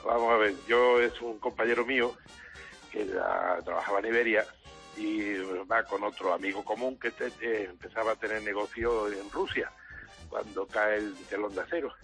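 A man's voice: on the low side, steady tone, normal speed, vocal fry, fairly bright tone, soft background music. A man calling a radio show, telling a funny story building to a punchline. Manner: builds up to a punchline, hesitant fillers. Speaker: caller. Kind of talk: telling a joke anecdote on a call-in show.

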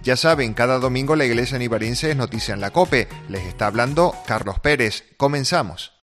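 A man reading a church news program on radio in a measured, formal way. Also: mid-range voice, expressive, a bit bright, faint music behind. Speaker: radio presenter.

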